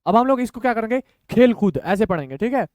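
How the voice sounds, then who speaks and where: Male online teacher, very high and clear voice, dry close sound, patient syllable-by-syllable drilling. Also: sing-song, a little mellow, no echo. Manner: slow, patient, breaks words into syllables, repeats "thik hai". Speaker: Hindi reading teacher. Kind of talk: online lesson, syllable-by-syllable reading.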